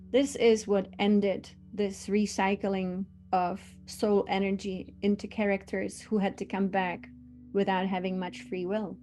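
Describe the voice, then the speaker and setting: Mellow-voiced woman teaching spirituality. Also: medium pitch. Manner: earnest, unhurried, devotional.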